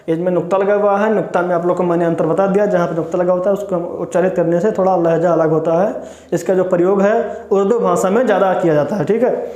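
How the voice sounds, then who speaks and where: A man's voice: high voice, warm tone. A man teaching Hindi grammar to exam students, explaining step by step and often checking in with the class. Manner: repetitive, explains step by step, frequent "ठीक है ना" check-ins. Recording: echoey room.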